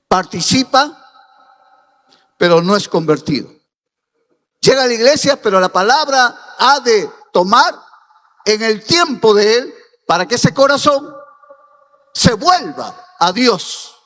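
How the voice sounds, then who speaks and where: A man's voice: high voice, fairly bright tone. A man from Peru preaching a sermon as pastor, pressing his points and rising to emphatic peaks. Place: church hall. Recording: reverberant church hall.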